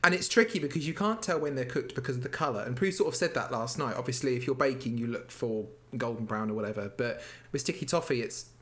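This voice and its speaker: A man's voice: mid-range voice, quick pace, hardly any pauses. A man, guest on a podcast, chatting about a baking show and acting out moments as he tells them. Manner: animated storytelling, acts out quotes. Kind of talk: casual chat.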